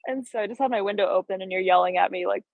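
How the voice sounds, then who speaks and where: Chatty woman musician, laughs a lot, dry close sound, medium pitch. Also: very fast, gravelly, no room sound, phone-quality sound. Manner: laughing, upbeat. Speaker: musician guest. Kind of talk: casual interview chat.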